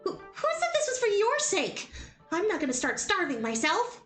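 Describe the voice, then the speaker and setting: A bossy teenage village girl played by a woman from a visual novel, high and very animated. She is sharp-tongued and indignant, recorded in an echoey room. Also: normal speed, heavily acted. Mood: indignant, proud. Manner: scolding, indignant. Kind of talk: visual novel character acting. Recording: roomy echo, music behind the voice.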